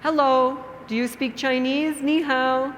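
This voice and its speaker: A polite young girl from a picture story, voiced by a woman reading aloud, asks each question carefully and sounds a little higher than the reader. The voice carries a long hall echo. A faint room hum sits underneath. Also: steady tone, a little slow. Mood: polite asking. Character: polite young girl newcomer asking directions.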